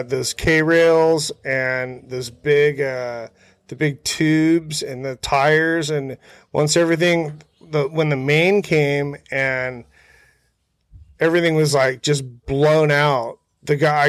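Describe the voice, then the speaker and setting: A man's voice: mid-range voice, clear, resonant tone, no room sound, studio quality. A man, chatting in a laid-back, slangy, hesitant way as an interview guest. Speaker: interview guest, motorcycle hill climb rider. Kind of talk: casual chat, telling racing stories. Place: outdoors in a backyard.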